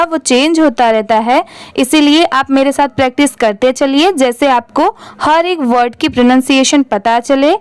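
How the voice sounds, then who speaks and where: A woman's voice: high-pitched, no room sound. A young woman teaching English reading, spelling out words letter by letter and blending them, asking questions and answering them herself. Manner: asks and answers her own questions. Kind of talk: spelling-out phonics lesson.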